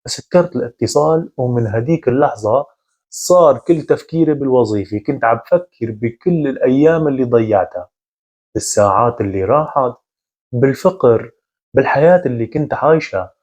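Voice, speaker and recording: A man narrating a first-person horror story in a measured, conversational way. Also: mid-range voice, lively intonation, a little mellow.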